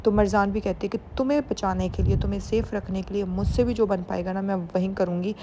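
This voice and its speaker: A woman's voice: mid-range voice, fairly even intonation, fast, background noise. A young woman casually retelling the scenes of a drama series in a chatty, informal way, with fillers and English words mixed in. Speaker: series recap narrator. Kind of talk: casual spoken story recap.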